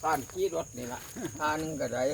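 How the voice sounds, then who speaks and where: A man with an Isan Thai accent chatting casually with his mouth full as he eats outdoors. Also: brisk. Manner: talking with mouth full while eating. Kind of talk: casual chat over a meal. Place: outdoors in rice fields and woods. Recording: outdoor field recording with background noise. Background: insects and outdoor ambience.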